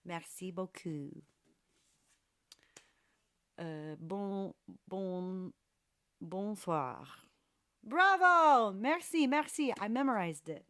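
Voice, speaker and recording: A woman's voice: medium pitch, expressive, extremely slow, pauses often, a bit bright, no room sound. A woman hosting a live piano-request stream, playfully chatting and answering viewers. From United States. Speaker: live-stream pianist host. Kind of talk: casual live-stream chat.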